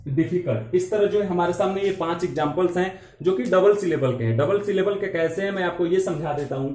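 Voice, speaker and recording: A man's voice: sits high, darkish tone. Echoey Hindi-speaking male English teacher. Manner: slow, explanatory, repeats key terms. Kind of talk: classroom lesson in Hindi. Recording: echoey room.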